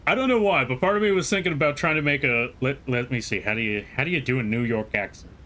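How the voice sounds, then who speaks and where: A man's voice: mid-range voice, fast talker, bright, forceful tone, slight background noise. A man streaming a game live, chatting playfully, reading chat aloud and joking with the game as he plays. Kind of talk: live gameplay commentary.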